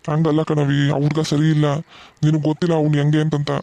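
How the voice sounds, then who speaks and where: A man voicing a gentle middle-aged village father in a cartoon, soothing and reassuring his daughter. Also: on the high side, monotone, fast, no room sound, natural voice. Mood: fretting. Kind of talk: cartoon voice acting.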